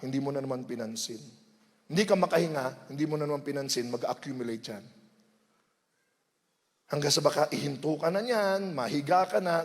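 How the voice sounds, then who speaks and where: A man with a Filipino accent preaching a sermon in Tagalog and English, animated and teasing, often asking the crowd questions. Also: fairly high pitch. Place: large hall. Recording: long hall reverb.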